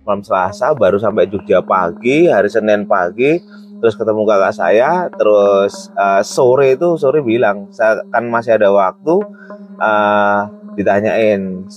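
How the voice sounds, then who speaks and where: A man from Yogyakarta, telling a personal story as a guest in a casual chat, pausing often with "eh" fillers and restarting phrases. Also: on the low side, highs cut off, soft background music. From Yogyakarta, Indonesia. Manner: hesitant, many "eh" fillers and restarts.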